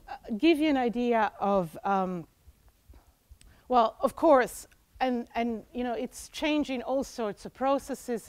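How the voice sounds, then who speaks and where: An Italian woman in her forties gives an animated conference presentation, her fairly high, smooth voice picked up dry on a lapel mic in a conference room. She talks with lots of fillers and restarts.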